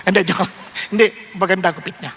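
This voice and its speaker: A male pastor with a Filipino accent preaching a sermon, switching between Tagalog and English and jumping up high for emphasis. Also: fairly even intonation, fast, a bit bright, big-room sound, slight background noise.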